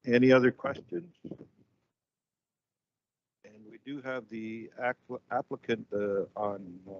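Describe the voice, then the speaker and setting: A man's voice: mid-range voice, steady tone, slow pace, muffled recording. A man chairing a council committee, calling on speakers in a brief, procedural way.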